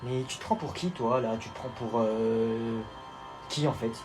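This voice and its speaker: A man's voice: mid-range voice, a little slow, music in the background, pitched below the performer's own voice, lightly acted, low-quality recording. A man playing a cocky teenage guy who mocks and brags about fighting, in a comedy sketch. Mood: mocking. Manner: mocking, boastful, deadpan. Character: cocky teen boy bragging about fighting.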